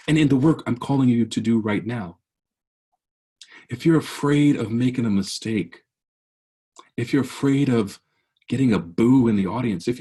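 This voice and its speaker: A man's voice: medium pitch, warm tone, slightly rough. A man in his forties giving an earnest, preacher-like motivational keynote over a video call, often restarting his phrases. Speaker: keynote speaker.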